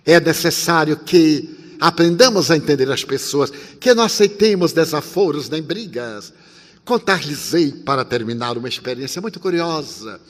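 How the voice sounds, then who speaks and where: Animated older man preaching in a hall. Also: a little high, normal speed. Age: 80s. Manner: animated, swings from loud to soft, acts out dialogue. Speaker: spiritist speaker. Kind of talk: sermon with storytelling. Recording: long hall reverb.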